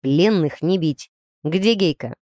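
A woman reading a storybook voicing a calm, firm teenage boy who leads his team and gives stern orders. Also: low voice, takes it slowly, no echo, studio quality. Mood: commanding. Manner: stern, commanding.

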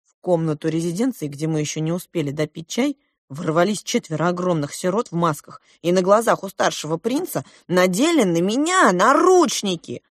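A woman's voice: lowish voice, expressive, normal speed, no echo, clean studio sound. A woman narrating a children's story in the first person, expressively. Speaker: audiobook narrator.

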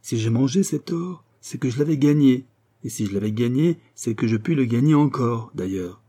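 Pompous, boastful gambler, read by a man; dark and husky. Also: medium pitch, expressive, moderate pace. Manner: pompous, sententious.

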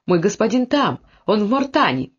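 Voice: mid-range voice, sing-song, moderate pace, slightly rough. A reader voicing a loyal, earnest old servant who reassures his niece, on a dull lo-fi recording. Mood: excited. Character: loyal old Breton servant, steady and caring.

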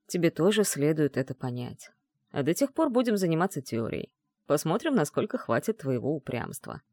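A man's voice: normal speed, no echo, studio quality. Man playing a smug, commanding mage. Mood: mocking, calm. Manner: calm, mocking, low-voiced taunts. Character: arrogant, commanding male mage mentor. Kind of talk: audiobook dialogue reading.

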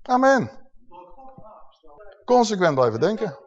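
A man's voice: high voice, big pitch swings, takes it slowly. A male preacher giving an emphatic sermon and asking the congregation questions. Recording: dull lo-fi recording.

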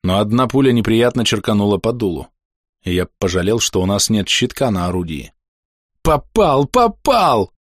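A man narrating an audiobook in first person, measured and dramatic. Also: fairly low pitch, no room sound, studio quality. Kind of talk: scripted narration.

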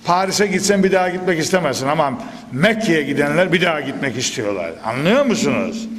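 A man preaching a Quran commentary lesson into a pulpit microphone, animated and full of sudden emphatic bursts and questions to his listeners. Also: fairly high pitch, fairly quick. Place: at a pulpit in a large reverberant hall. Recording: long hall reverb.

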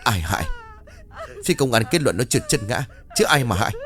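A man voicing a gruff, cold-hearted drunken father who talks harshly and scolds. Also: medium pitch, big pitch swings, brisk, a bit bright, soft background music. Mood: harsh scolding.

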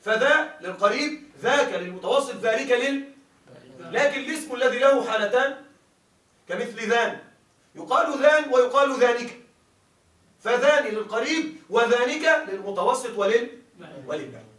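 A man's voice: very high voice, animated, normal speed, a bit bright, reverberant, distant mic, poor audio. A male teacher gives a grammar lecture. He reads a classical text aloud, explains it, and keeps checking that his listeners follow.

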